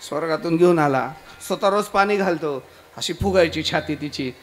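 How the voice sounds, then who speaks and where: A man with a Marathi accent telling a devotional story in a kirtan sermon, acting out the characters in quoted dialogue and sometimes rising to loud exclamations. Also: a little high, normal speed. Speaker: kirtan preacher. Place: festival stage before a crowd.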